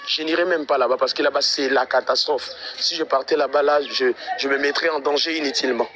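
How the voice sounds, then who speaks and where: A man's voice: medium pitch, steady tone, a little fast, noisy background. A man out of breath, walking residential streets outdoors and talking to his livestream viewers in an exasperated, repetitive way. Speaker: livestream vlogger.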